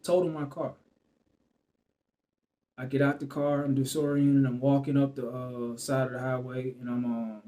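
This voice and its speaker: Speaking in a mellow, mid-range voice, a man shares a personal story on camera. It comes out loose and meandering, packed with fillers and "you know what I'm saying," with restarts and sentences that fade out halfway.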